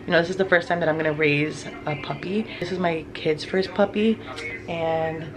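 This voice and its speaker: A woman in her thirties, a family vlogger, chats casually into her phone held at arm's length in her home kitchen. Her low voice keeps a fairly even intonation at a moderate pace while she rambles in a bubbly way, giggling a little. Audio quality is poor.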